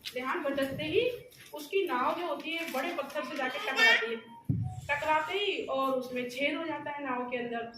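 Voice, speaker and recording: A woman's voice: high-pitched, normal speed. A woman telling a moral story step by step, in plain speech at a training session. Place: indoor training hall. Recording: echoey room from far off, noisy.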